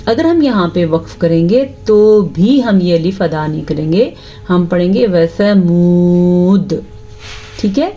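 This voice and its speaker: Woman teaching Quran recitation, mellow lo-fi. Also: lowish voice, animated. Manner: explains rules patiently, asks "ٹھیک ہے؟" after each point. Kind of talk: tajweed lesson with slow chanted recitation.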